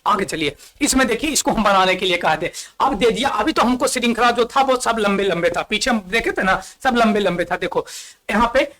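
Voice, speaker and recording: A man's voice: high-pitched, expressive, brisk, bright, forceful tone. A male school chemistry teacher with a Bihari Hindi accent gives a video lesson, repeating key terms, asking questions back to his pupils and counting aloud as he writes. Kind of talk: classroom-style video lesson.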